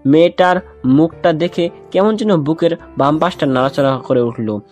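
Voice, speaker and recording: A man's voice: on the high side, moderate pace, a little mellow. Chatty male storyteller over music. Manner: chatty, addresses listeners. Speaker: story narrator. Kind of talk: first-person romantic story narration. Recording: music bed underneath.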